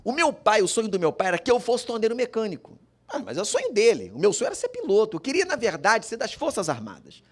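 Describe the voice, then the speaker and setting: Lively, high-pitched man telling his story. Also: quick pace. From Brazil. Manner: storytelling that acts out the voices of family members. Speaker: father giving a testimony. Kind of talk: emotional personal testimony at a public forum.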